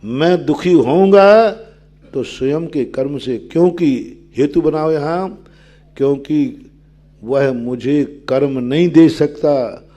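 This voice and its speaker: An older man preaches slowly and unhurriedly, working through scripture for his listeners. His voice sits a little high for a man, yet its tone is mellow and dark. Now and then he sings a verse in a low, drawn-out chant. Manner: asks the listeners questions and answers them himself. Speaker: Jain monk preacher. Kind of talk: sermon.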